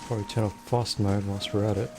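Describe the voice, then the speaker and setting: Low-voiced man chatting over a game. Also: little pitch movement, fast, music in the background. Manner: rambling, chatty, thinking aloud. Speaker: let's play host. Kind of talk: casual gameplay commentary.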